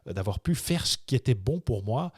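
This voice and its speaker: A man's voice: medium pitch, animated, fairly quick, darkish tone, slightly rough, no room sound, studio quality. A man coaching in a video workshop, talking with many fillers and repeated words, and acting out example inner thoughts. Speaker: life coach.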